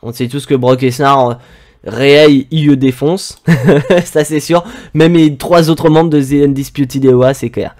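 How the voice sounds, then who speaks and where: A man's voice: on the high side, a little slow. Chatty man commenting his gameplay. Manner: relaxed, chatty, frequent hesitations. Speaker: gaming YouTuber.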